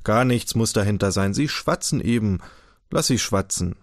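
A man's voice: fairly low pitch, animated, no echo, studio quality. A man voicing a touchy, suspicious scholar who speaks dismissively and bitterly in an audiobook. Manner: dismissive, bitter, quick to indignation.

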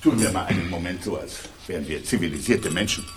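An actor playing an exasperated, sardonic husband in a radio play, with dry sarcasm that turns to pleading. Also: male voice, deep voice, quick pace, a little hiss or hum, close to an everyday voice. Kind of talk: 1990 radio play acting.

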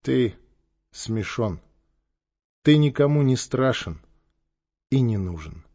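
A man voicing a calm, stern boy commander who speaks quietly and firmly. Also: mid-range voice, takes it slowly, dull audio.

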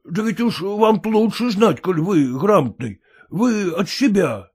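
A man voicing an illiterate, clumsy peasant who pleads in rustic, halting speech with fillers. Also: high voice, expressive, breathy edge, voice pushed up, full character voice. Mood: pleading.

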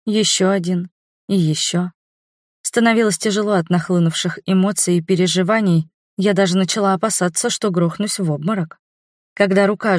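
A woman narrating a fantasy novel in the first person, with an expressive, emotional reading. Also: lowish voice, no room sound, clean studio sound. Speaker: audiobook narrator.

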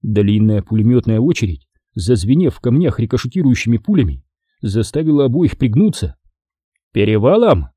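A male narrator reads a war story with dramatic, expressive delivery. His voice is very dark and husky, and his pitch moves a lot. The recording is dry and close, with no room sound. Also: a little fast, no room sound. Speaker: audiobook narrator. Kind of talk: scripted narration.

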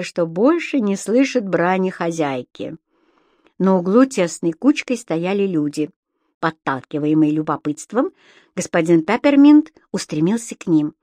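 A woman narrating a children's storybook with an expressive reading. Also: medium pitch, no room sound, clean studio sound. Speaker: audiobook narrator.

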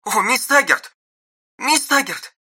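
A man's voice: a little high, moderate pace, bright, forceful tone, dry recording, pitched above the performer's own voice. A man voicing an eager, flustered middle-aged female secretary in an audiobook. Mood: delighted.

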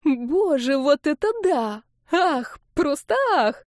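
A woman putting on an amused young woman who drags out each delighted exclamation, high and sing-song. The reading is close and dry, in a storybook telling. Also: animated, slow pace, a little mellow, no echo.

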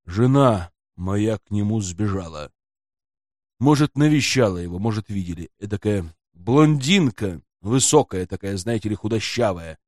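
A man's voice: fairly low pitch, darkish tone, no echo, studio quality, voice pushed down. A man voicing an anxious middle-aged detective who talks in a fussy, wheedling, melodramatic way in an audiobook. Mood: distraught. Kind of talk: audiobook character voice.

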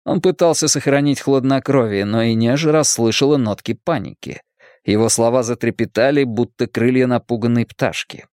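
A man narrating an audiobook in an expressive, storytelling way. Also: mid-range voice, normal speed, dry recording, clean studio sound. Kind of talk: scripted narration.

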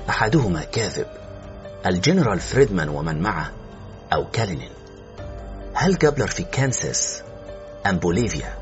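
In a low-pitched voice, a man narrates a suspense audiobook with tense, expressive delivery. The recording is slightly muffled, with faint music underneath.

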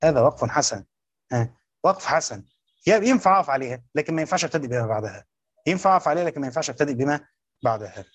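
A man's voice: on the high side, lively intonation, rapid-fire, slightly rough, no echo, lo-fi sound. A man with an Egyptian accent teaching a class on Quranic exegesis, repeating his points and quizzing his students. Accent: Egyptian Arabic. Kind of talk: classroom lecture.

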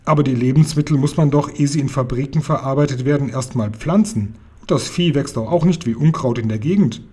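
Ein Mann, der beim Vorlesen einen besorgten, brummigen Onkel spricht, mit heiserer Stimme. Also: male voice, mid-range voice, brisk, warm tone, husky, lightly acted. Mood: grumbling. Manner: exasperated, grumbling. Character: worried, grumbling uncle, a pharmacist. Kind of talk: reading a children's book aloud.

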